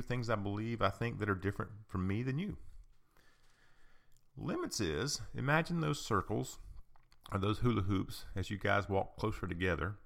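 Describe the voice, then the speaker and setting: A man with a low, gravelly voice gives an informal explanatory talk, repeating his points patiently. He asks rhetorical questions, fills pauses with "um" and clears his throat now and then. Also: a bit bright. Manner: patient and repetitive, with rhetorical questions and frequent ums.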